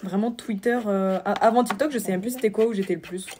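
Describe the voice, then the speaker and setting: A young woman chatting casually on a podcast, sick, with a hoarse, husky voice like an old man's. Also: medium pitch, steady tone, fast talker, warm tone, a little hiss or hum. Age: young adult. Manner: informal, slangy. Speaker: podcast co-host. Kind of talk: casual chat.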